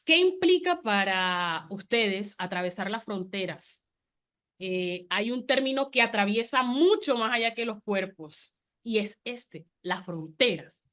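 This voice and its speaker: A woman's voice: medium pitch, lively intonation, measured pace, a bit bright. A woman moderating a panel conversation, formally introducing guests and posing the opening question. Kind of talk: reading a guest introduction, then hosting.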